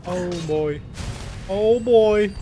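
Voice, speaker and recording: A man giving playful, excitable let's-play commentary, talking to his in-game companion. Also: high-pitched, very slow, a little hiss or hum. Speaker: gaming channel host.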